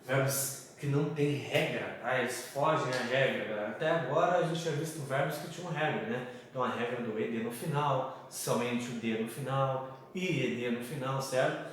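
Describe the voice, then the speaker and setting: A man's voice: mid-range voice, normal speed, hardly any pauses, distant mic. A man teaching a lesson from slides in a chatty way, with a Brazilian Portuguese accent, often checking in with his students. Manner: chatty, repeats "galera" and "tá?". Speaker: English teacher. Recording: echoey room, voice off-mic, faint background noise.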